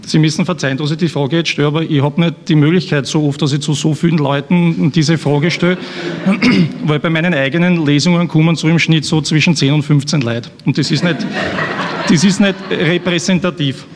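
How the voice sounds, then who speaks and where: Austrian guy, kinda high voice, rambling self-mocking intro at a reading, lots of restarts, echo hangs in the hall. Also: fairly even intonation, fairly quick, slight background noise. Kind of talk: humorous live introduction. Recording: long hall reverb.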